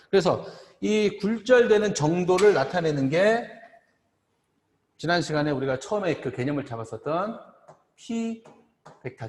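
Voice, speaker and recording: A middle-aged optometry professor lectures at a board in a lively, slightly high voice that swings up and down. He speaks haltingly, repeating phrases and checking in with the class. The room sound is roomy, with a long, hollow reverb trailing each phrase.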